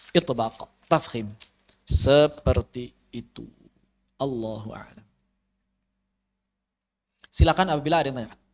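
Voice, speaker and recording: A man teaching recitation in an online lesson, explaining patiently and drawing out his examples over a video call. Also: fairly high pitch.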